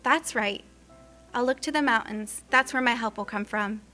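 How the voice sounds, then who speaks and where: A woman's voice: a little high, normal speed, sharp tone. Woman voicing Mary, a strained young mother-to-be. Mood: worried. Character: young pregnant woman, faithful, in labor. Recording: faint music underneath.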